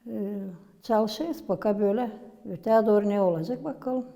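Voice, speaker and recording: A woman from Gagauzia with a Gagauz accent, explaining village history as a local museum guide in an unhurried, halting way with many pauses. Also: mid-range voice, mellow, long reverb tail. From Gagauzia, Moldova.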